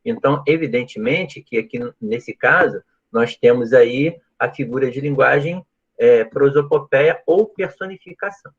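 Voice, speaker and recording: A Portuguese teacher runs a live online grammar lesson, walking students through each point at a moderate pace and often asking whether they're following. His husky voice sits at an ordinary middle pitch, and the stream audio comes across dull and lo-fi.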